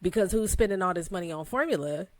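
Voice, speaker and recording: A woman in her thirties, co-hosting a podcast, telling a story in a casual, animated way with relaxed phrasing and frequent laughter. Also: lowish voice, fast, dry recording. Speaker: podcast co-host.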